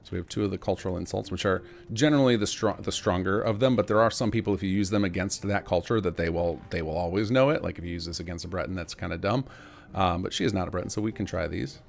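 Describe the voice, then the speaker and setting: A man's voice: sits low, fast, creaky, slight background noise. A man giving casual gameplay commentary as a developer, informal and explanatory. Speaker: game mod developer giving a demo. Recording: faint game music behind.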